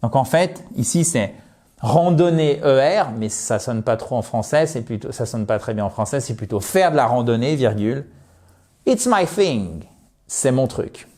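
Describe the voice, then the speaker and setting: Male English tutor, deliberate slow delivery, joking asides, repeats words for learners. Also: mid-range voice, a little mellow. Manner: playful, jokey asides, repeats words slowly. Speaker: English teacher. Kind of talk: online language lesson.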